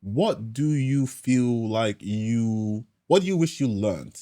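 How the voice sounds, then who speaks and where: A man's voice: medium pitch, takes it slowly, no echo, studio quality. A young man hosting a podcast, chatting casually and calling his guest bro. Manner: relaxed banter, calls his guest bro. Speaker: podcast host. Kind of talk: casual chat.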